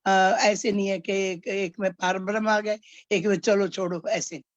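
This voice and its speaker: A woman's voice: mid-range voice, little pitch movement, moderate pace, dry recording, lo-fi sound. A woman teaching poetry, patiently explaining each point and acting out spoken examples. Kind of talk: explaining Hindi poetics.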